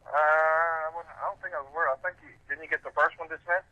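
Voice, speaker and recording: A hesitant man calling in to a live talk show. His voice is bright and a little tight, and it sits fairly high. It comes through a dry, muffled telephone line. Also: fairly even intonation, quick pace, no room sound. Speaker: phone-in caller. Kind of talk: casual phone call.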